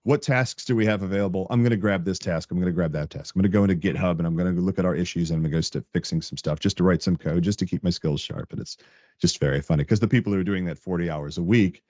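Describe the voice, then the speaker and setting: A man as a guest on a podcast, chatting casually and telling animated stories, laughing often. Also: deep voice, fast, no room sound, highs cut off. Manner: animated storyteller, laughs often, acts out coworkers' lines. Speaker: podcast guest, tech director. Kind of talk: casual interview chat.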